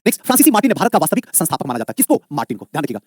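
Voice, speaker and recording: Coaxing students he calls "babu," a man lectures on history for exam prep, live online, repeating questions and answering them himself at a fast, lively clip. His voice is husky and fairly high, recorded in studio quality without room sound.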